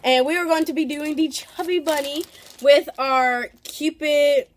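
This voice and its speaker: A woman with a high voice hosts a challenge video. She chats casually and playfully to the camera at a slow pace. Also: steady tone, slight background noise.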